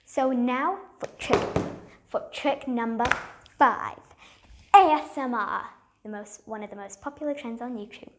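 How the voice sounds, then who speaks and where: A woman's voice: fairly high pitch, unhurried, a little hiss or hum. A bubbly, chatty woman hosting a casual slime vlog at a table at home, with frequent ums. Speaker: slime video host. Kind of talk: casual show-and-tell vlog.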